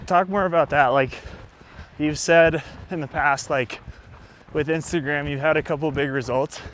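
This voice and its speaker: A man asking questions in a casual, slightly halting conversational way, as an interviewer outdoors. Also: a little high, steady tone, a bit bright, a little hiss or hum.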